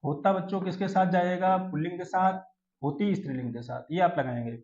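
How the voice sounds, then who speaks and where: A man's voice: high-pitched, darkish tone. A male teacher leading an exam-prep lesson, quizzing his students and calling them children. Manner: addresses students as "children", quizzes them, chants verse slowly. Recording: echoey room, dull lo-fi sound.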